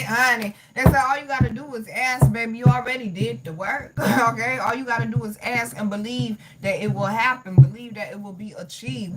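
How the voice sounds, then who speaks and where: Over a very noisy recording, a woman with a fairly high voice hosts a live tarot session. Reading comments in relaxed stream chat, she talks bluntly and profanely with plenty of sass, calling viewers honey and baby.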